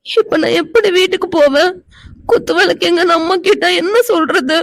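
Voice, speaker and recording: A woman plays a feisty young cartoon woman with a very high voice who accuses and argues sharply and can break into tears. The sound is dry and close. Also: moderate pace, no room sound. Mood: tearful. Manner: accusing and tearful.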